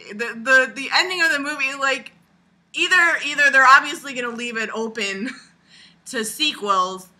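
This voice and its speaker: Her voice a little high, this video blogger rambles through casual commentary, swearing often and cracking crude jokes in an animated, sarcastic style.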